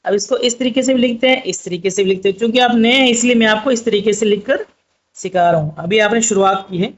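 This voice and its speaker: A man's voice: high voice, fast talker, highs cut off. A man teaching Urdu script, patiently spelling out letters one by one. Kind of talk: slow spoken writing lesson.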